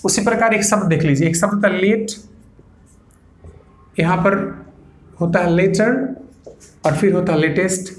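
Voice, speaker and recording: A man's voice: high-pitched, normal speed, long pauses. A male English grammar teacher giving a classroom lecture, explaining step by step, repeating points and answering his own questions. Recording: echoey room.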